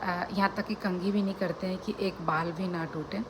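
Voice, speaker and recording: A young woman talking softly and slowly to her camera in a casual home vlog. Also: on the low side, steady tone. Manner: speaks softly and slowly during a fast. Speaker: family vlogger. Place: home indoors. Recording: home recording with clear background noise.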